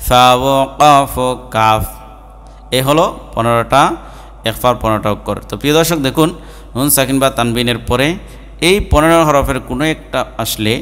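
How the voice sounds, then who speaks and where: A man teaching a Quran tajweed lesson, drawing out each letter in a smooth, resonant chant. His voice rings with a long hall reverb, and faint music plays underneath. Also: mid-range voice, fairly bright tone. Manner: slow drawn-out chanting of letters, then brisk explanation.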